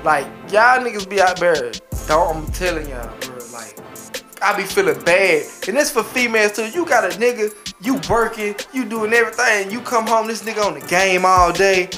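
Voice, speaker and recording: A man co-hosting a casual podcast, telling stories with lively swings and jumping high for quoted exclamations. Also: normal speed, faint music behind. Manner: animated storytelling, jumps high for quoted exclamations. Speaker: podcast co-host.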